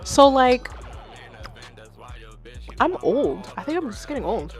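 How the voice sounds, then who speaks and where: A woman in her thirties hosting a live music feedback stream, chatting casually, animated and self-mocking, talking to her chat. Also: high voice, slow. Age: 30s. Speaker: livestream host giving music feedback. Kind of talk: casual livestream commentary.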